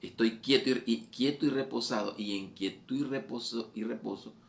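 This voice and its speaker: A man's voice: medium pitch, normal speed, gravelly. A man preaching a fervent sermon, repeating phrases and raising his voice on exhortations. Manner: fervent, repetitive, voice rising on quoted exhortations.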